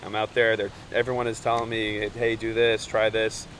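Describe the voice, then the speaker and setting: A man's voice: on the low side, monotone, moderate pace, a bit bright, slight background noise, poor audio. Easygoing man giving surf advice. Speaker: guest surfer. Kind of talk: casual chat.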